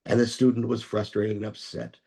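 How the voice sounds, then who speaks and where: A man who is a rabbi, telling a parable in a measured way and slowing down for key lines. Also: on the low side, flat delivery, creaky, dark tone. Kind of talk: storytelling teaching.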